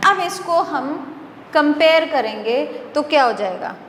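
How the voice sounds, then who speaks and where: Slow high-voiced Indian woman teacher. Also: animated, a bit bright, slight background noise. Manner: explains slowly and repeats words, with rhetorical questions. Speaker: English teacher. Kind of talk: classroom grammar lesson in Hindi and English. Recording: echoey hall, mic at a distance.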